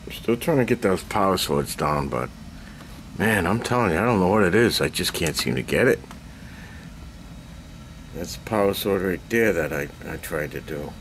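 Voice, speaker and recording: A man's voice: low-pitched, expressive, normal speed, pauses often, a bit bright, a little hiss or hum. An older man giving a rambling, self-deprecating show-and-tell of his miniatures, filmed on a handheld camera in a cluttered basement hobby room. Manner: rambling, self-deprecating, frequent throat clearing. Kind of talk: casual show-and-tell update.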